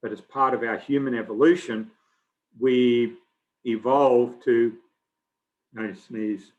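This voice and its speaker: A middle-aged man from Australia, giving a relaxed, conversational biology lecture full of fillers. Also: medium pitch, slow pace, phone-quality sound. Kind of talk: recorded lecture.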